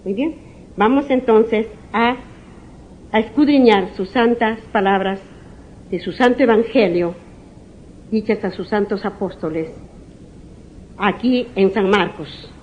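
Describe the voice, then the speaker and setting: A woman's voice: medium pitch, highs cut off. A woman pastor preaching a sermon. She asks rhetorical questions, repeats her phrases and sometimes stumbles over names and restarts.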